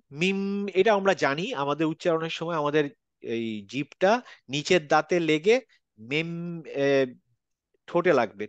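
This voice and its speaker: A man's voice: on the high side, dry recording. A man teaching Quran letter pronunciation in an online class, patiently repeating each sound. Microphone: video call.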